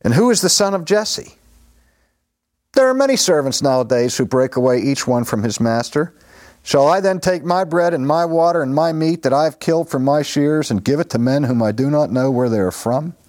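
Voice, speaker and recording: A man's voice: fairly high pitch, lively intonation, moderate pace, darkish tone, no room sound, lightly acted. A man doing a sneering, arrogant rich man. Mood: scornful. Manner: mocking, indignant questions.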